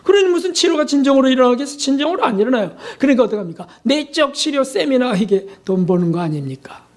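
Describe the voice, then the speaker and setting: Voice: high voice, lively intonation, fast talker. Pastor delivering a sermon, emphatic, repeats key words, fires rhetorical questions at the congregation.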